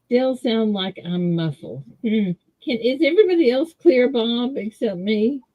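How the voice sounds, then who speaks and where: A woman chats slowly and ramblingly on a video call. Her voice comes through muffled and dull, as if heard through a wall. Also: on the high side, expressive. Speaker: livestream co-host. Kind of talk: casual chat on a video call. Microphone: computer mic on a video call.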